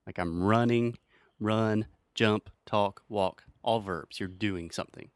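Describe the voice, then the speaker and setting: A man's voice: fairly low pitch, takes it slowly, no echo, studio quality. A man hosting an English-learning podcast, teasing his guest and explaining grammar patiently with examples. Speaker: podcast host and English teacher. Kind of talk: casual teaching chat.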